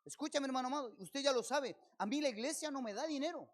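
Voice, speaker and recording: Man, Chilean accent, pastor, sermon, rhetorical questions, loud surges. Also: very high-pitched, fast. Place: church service.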